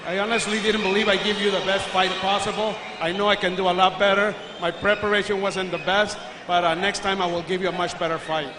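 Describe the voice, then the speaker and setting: A man's voice: high-pitched, level tone, quick pace, hardly any pauses, background noise. A man interpreting a post-fight interview at ringside. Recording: echoey arena with crowd.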